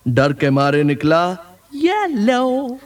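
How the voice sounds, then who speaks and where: A man telling a children's story in a playful sing-song way, half spoken and half sung, over loud folk music. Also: mid-range voice, animated, slow.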